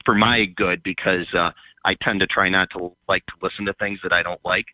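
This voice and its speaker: A man calling in to a radio show over a phone line, talking in a hesitant, halting way with many fillers. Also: sits low, fairly even intonation, no room sound. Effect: heard over a phone line. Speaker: caller. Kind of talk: call-in conversation. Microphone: phone held by the caller.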